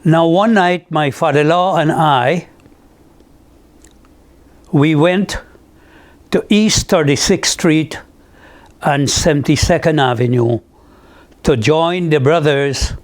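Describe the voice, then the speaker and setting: Slow, deliberate older man reminiscing. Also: on the high side. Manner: deliberate, careful with addresses and details. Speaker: interviewee recounting community history.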